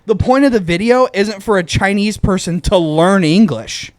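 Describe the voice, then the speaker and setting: A man's voice: high-pitched, lively intonation, normal speed, darkish tone, no echo. A man co-hosting a podcast, explaining his point in an exasperated, teasing way during casual chat. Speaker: podcast co-host.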